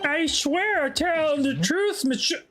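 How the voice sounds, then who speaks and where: A woman's voice: high voice, unhurried, music in the background, voice pushed up. A woman doing a twangy, indignant soba shop guy. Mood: indignant folksy. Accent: Texas twang put on. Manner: folksy, indignant, says ma'am and sir. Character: hot-headed male soba shop owner, Texas twang. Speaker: game player voicing characters.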